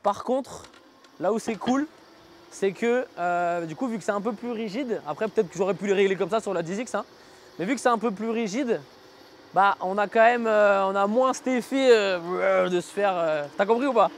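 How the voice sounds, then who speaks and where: Male ride-along vlogger, high voice, slangy and unscripted, thinking aloud outdoors over light road noise. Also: moderate pace. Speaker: vlogger reviewing an electric scooter. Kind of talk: casual spoken vlog commentary while riding. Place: outdoors, riding on city roads.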